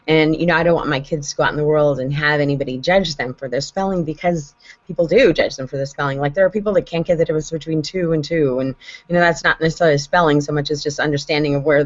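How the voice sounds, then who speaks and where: A homeschooling parent hosts a casual online panel chat, her voice sitting low. She is chatty and gets animated when explaining things, even spelling out letters, and the video call audio sounds dull and lo-fi.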